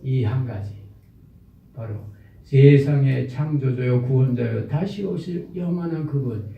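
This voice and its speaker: A man's voice: medium pitch, measured pace, creaky, muffled recording. A male pastor preaching a sermon in a church sanctuary, emphatic and full of rhetorical questions to the congregation. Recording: echoey church hall, mic far off.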